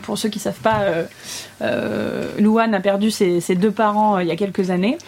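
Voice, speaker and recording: A woman's voice: medium pitch, steady tone, moderate pace, gravelly, a little mellow. A woman on a music show panel, chatting casually about a song in a chatty, self-mocking way and laughing easily. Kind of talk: casual chat.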